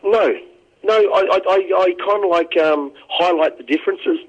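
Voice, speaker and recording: An Australian comedian answering interview questions earnestly, halting and repeating words as he thinks. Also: high voice, breathy edge, dull audio.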